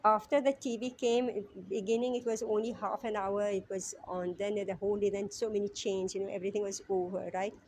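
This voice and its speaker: A middle-aged woman from Mauritius teaching a scripture class in a conversational way, often asking "right?", and chanting verses slowly. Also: medium pitch, little pitch movement, darkish tone, slight background noise. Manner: conversational, frequent "right?" tag questions.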